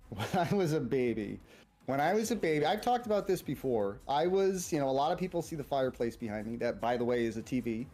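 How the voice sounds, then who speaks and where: A man's voice: medium pitch, animated, a little fast, a little mellow. A man in his thirties with a Boston accent, a streamer casually telling personal stories and often rephrasing himself. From Massachusetts, United States. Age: 30s. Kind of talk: casual chat, personal storytelling.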